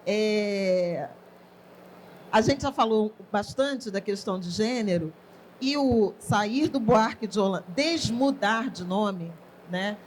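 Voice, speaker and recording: A woman's voice: mid-range voice, animated, slow pace, a little hiss or hum. A woman with a Brazilian Portuguese accent interviewing a writer on stage in a conversational manner, sharing her own stories between questions.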